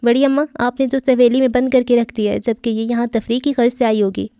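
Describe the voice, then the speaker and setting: This is a chatty, teasing young man who fills every silence, read by a woman in an audio novel. The delivery is playful and light, with a mellow tone. The sound is close and dry. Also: on the high side, little pitch movement, clean tone, no echo, natural voice. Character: lively, loud young man, teasing cousin. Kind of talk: audiobook character reading.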